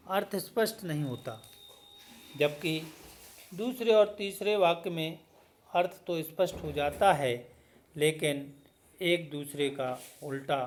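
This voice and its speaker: A middle-aged man from India, a teacher giving a grammar lesson, speaking slowly and deliberately in short phrases. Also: on the high side, slight background noise.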